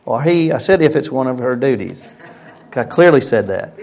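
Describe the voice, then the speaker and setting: A man's voice: medium pitch, lively intonation, moderate pace, gravelly, a little mellow. A man preaching a sermon as pastor at a pulpit microphone, talking conversationally and asking his listeners rhetorical questions.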